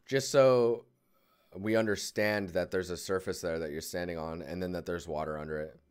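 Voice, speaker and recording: A man's voice: low-pitched, steady tone, normal speed, clear, resonant tone. A man giving casual, rambling live critiques of digital art, thinking aloud as he clicks through images. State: yawning, tired.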